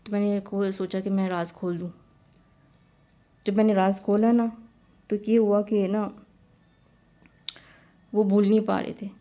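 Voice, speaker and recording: A woman's voice: medium pitch, level tone, long pauses, mellow, dull audio. A woman telling a personal story in a casual, rambling way, often repeating her phrases.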